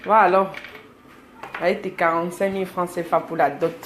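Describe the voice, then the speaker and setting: A woman in her thirties, Cameroonian-accented, chats loosely on a live stream, reading comments, naming viewers, and teasing them. Her voice is on the low side and level, she talks fairly quickly, and there's a little hiss or hum.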